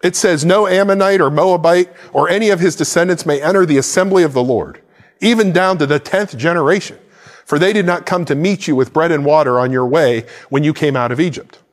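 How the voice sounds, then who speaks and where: A pastor in his forties preaches a sermon to camera from a church stage set with plants and a cross, gesturing with a Bible in hand. His voice is fairly high and fairly quick, with a big-room sound.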